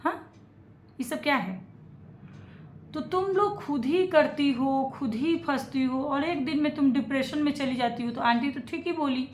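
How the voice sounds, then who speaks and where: A woman gives emphatic reaction commentary in a fairly high voice. She hammers her points by repeating them and keeps asking her viewers what they think. The room around her is echoey. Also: a little slow, a little hiss or hum. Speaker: reaction vlogger.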